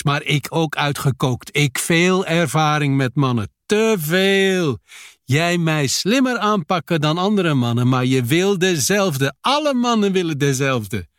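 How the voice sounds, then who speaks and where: A prickly, sharp-tongued widow as a male reader puts her on, her voice pushed high and swinging up and down. She speaks in blunt, clipped broken phrases, in a dry, close sound. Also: no echo. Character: fierce Brazilian widow in broken Dutch.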